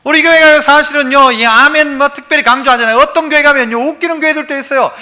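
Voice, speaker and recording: Pastor, male, very high tense voice, folksy call-and-response preacher in a church. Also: fast. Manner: lively, quizzes the congregation and prompts responses; folksy and humorous. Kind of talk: sermon. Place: church sanctuary, live service.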